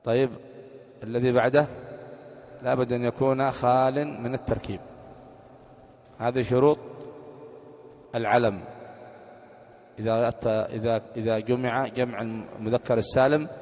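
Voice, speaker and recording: Male teacher, grammar class, monotone delivery, quizzes students; long reverb, muffled sound. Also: medium pitch, normal speed, long pauses. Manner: repeats points and quizzes students. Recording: dull recording with long hall reverb.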